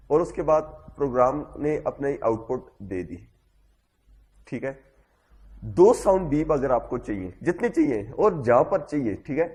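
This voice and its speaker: Speaking at a fairly high pitch with a darkish tone, a male programming instructor delivers a coding lecture to a class. He breaks things down step by step, dropping "theek hai" ("okay") after almost every phrase.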